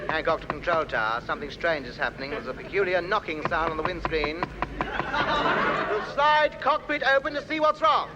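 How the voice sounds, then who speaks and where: A man's voice: fairly high pitch, lively intonation, normal speed, lo-fi sound, over a noisy crowd, very noisy, natural voice. An actor playing a nervous, nasal airman calling a control tower in an old radio comedy. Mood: alarmed. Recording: old radio comedy recording with studio audience.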